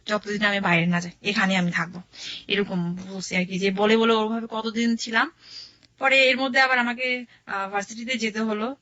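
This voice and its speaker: Young woman, radio caller telling her story, bright voice, repeats herself, dry and slightly dull sound. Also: mid-range voice, steady tone, moderate pace, dry recording. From Bangladesh. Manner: conversational, repeats phrases, acts out quoted dialogue. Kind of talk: casual spoken life-story telling.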